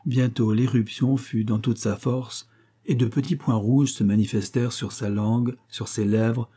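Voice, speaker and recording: A man reads a classic adventure novel aloud in a steady, unhurried manner. His voice is very dark and mellow, with a husky grain to it. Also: mid-range voice. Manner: steady, even-paced narration. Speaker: audiobook narrator.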